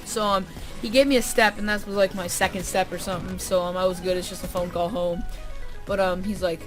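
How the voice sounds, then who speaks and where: A woman's voice: lowish voice, steady tone, a little fast, soft background music. A young woman vlogger telling a story casually to camera, full of "um" and "like" fillers, with dry sarcastic asides.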